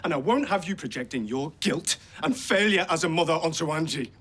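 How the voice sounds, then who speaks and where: Soap role: scornful young dad, slightly raised pitch, building into an angry rant. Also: male voice, animated, fairly quick, fairly bright tone, breathy edge. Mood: bitter, angry. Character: indignant young father defending his wife against his mother. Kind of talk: naturalistic TV soap acting.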